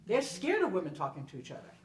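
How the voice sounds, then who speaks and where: Speaking fast in a lowish voice whose pitch swoops wildly, a woman answers an audience as a panel performer, emphatic and repetitive, checking in with "okay?" as she tells stories conversationally. A far mic in the indoor library room picks up a roomy sound and faint noise.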